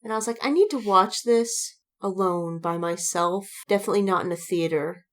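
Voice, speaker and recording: A woman co-hosts a casual podcast chat about films and fandom, animatedly retelling events and quoting her own reactions. Her mid-range voice has a fairly bright tone, and she talks at normal speed.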